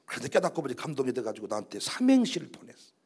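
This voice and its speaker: A male pastor preaching a sermon, swinging from loud emphatic declarations to low quiet asides and acting out quoted prayers in slow dramatic voices. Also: huge pitch swings, breathy edge.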